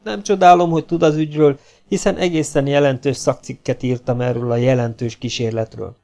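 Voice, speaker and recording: A man's voice: mid-range voice, steady tone, gravelly, dark tone, pitched above the performer's own voice, close to an everyday voice. A man voicing a pompous, condescending young asylum doctor with a patronizing, self-satisfied manner. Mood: smug.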